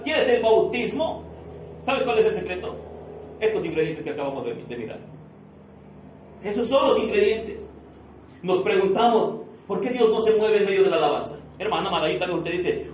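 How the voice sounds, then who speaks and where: A man's voice: sits high, slight background noise. A man preaching a fervent sermon as pastor, firing off repeated rhetorical questions and calling his listeners beloved brothers. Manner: addresses the congregation as beloved brother. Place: church sanctuary. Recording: echoey room from far off, dull and lo-fi.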